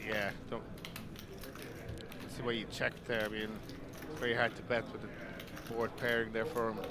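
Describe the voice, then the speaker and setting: A man's voice: fairly low pitch, flat delivery, normal speed. A man with an Irish accent from Meath with a Lithuanian touch, co-commentating on poker in a casual, colloquial, unscripted way. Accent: Irish, County Meath with a Lithuanian touch. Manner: colloquial, tags sentences with "like". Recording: live, loud crowd chatter behind.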